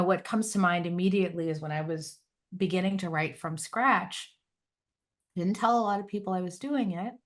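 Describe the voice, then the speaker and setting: A woman hosting a podcast interview, talking with enthusiasm and affirming her guest. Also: on the low side. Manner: warm, enthusiastic, animated interviewer. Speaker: podcast host.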